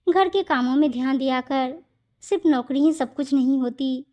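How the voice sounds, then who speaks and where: Storybook role: gentle older mother-in-law, mild and soft-spoken, read by a woman. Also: high voice, normal speed, lightly acted.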